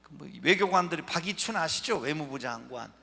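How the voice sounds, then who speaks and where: Man, lively lecture, gravelly tone, long hall reverb. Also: on the high side, a little fast. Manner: animated, joking asides to the audience. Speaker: guest lecturer. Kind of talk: lecture with slides.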